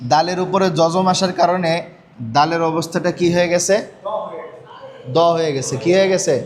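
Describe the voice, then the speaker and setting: Man teaching, asking questions and repeating. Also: fairly high pitch. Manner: asks the class questions and repeats answers. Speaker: Quran reading teacher. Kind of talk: classroom lesson.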